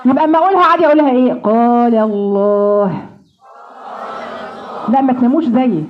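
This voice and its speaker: A woman with an Egyptian accent teaching Quran recitation, drilling sounds slowly and joking with homely comparisons. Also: high voice, muffled recording, some chatter behind, slight background noise. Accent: Egyptian Arabic. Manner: playful, homely comparisons, slow drawn-out model sounds. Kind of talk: pronunciation lesson with drills.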